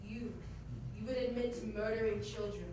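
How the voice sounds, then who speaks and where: A woman's voice: fairly high pitch, flat delivery, moderate pace, natural voice. A woman on stage playing a proud, cold evil queen with an imperious, menacing delivery. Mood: cold menace. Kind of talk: theatrical stage acting. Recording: echoey theatre, far-off mic, faint noise.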